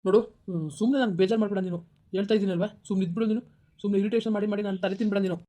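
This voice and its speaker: A woman's voice: medium pitch, steady tone, warm tone, close to an everyday voice. A woman playing an irritable, defensive young husband who scolds his wife in a village comedy skit. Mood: irritated. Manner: snappish, scolding, quick-talking.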